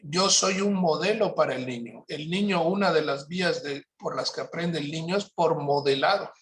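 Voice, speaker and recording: A man presenting a parenting workshop, explaining points in a calm, measured way and often checking in with his listeners. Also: fairly high pitch.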